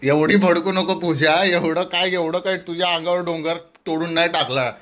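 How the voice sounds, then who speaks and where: A man's voice: on the high side, steady tone, normal speed, noisy background. A man hosting a casual couple vlog, teasing his wife and then sheepishly apologizing. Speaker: vlogger husband.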